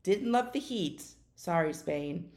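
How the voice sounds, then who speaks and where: A woman's voice: fairly low pitch, animated, slow pace, darkish tone. An American woman hosting her own podcast, chatting casually and now and then getting tongue-tied and correcting herself. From United States. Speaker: podcast host. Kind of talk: casual solo podcast talk. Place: home in Florida. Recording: echoey room.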